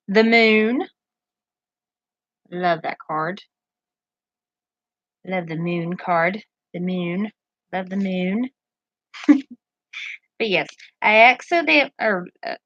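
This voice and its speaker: A woman's voice: mid-range voice, fairly bright tone, dry recording, lo-fi sound. Chatty woman rambling on a home stream. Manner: chatty and rambling, often losing her train of thought; nervous. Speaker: tarot reader and streamer. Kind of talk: casual live-stream chat. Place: bedroom at home, pets nearby.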